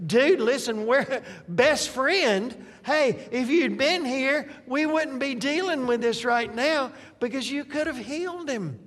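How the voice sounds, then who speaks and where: A man's voice: very high-pitched, takes it slowly, few pauses, voice pushed up, heavily acted. A man acting out a woman who brashly blames her close friend for not coming sooner. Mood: exasperated. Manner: brash, casual and accusing. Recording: long reverb of a large hall.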